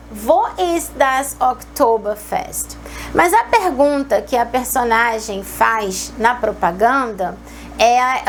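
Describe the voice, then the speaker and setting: A woman's voice: high voice, a little hiss or hum. A woman teaching a German lesson, explaining patiently and repeating German words. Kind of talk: online language lesson.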